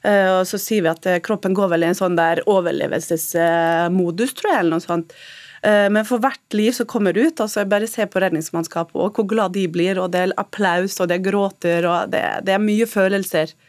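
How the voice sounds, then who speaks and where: A woman from Turkey, a mother of school-age children, speaking as a guest in a radio interview, halting and emotional with many fillers. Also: fairly low pitch, steady tone, no room sound.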